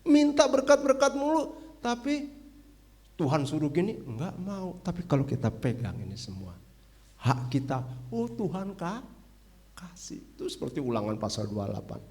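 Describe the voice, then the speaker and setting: Lively middle-aged man preaching a sermon. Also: a little high, normal speed. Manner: lively, conversational preaching with colloquial asides and repeated phrases. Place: church service.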